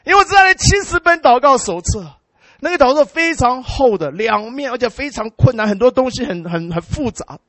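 High-voiced man preaching a lively sermon. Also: fairly quick, no echo. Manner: animated, mixes English words into his speech; exclaims hallelujah and amen. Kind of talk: sermon storytelling.

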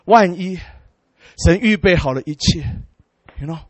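A man preaching and telling a story in a sermon. He is animated, drops English words into his speech and exclaims hallelujah and amen. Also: high-pitched, measured pace, no room sound.

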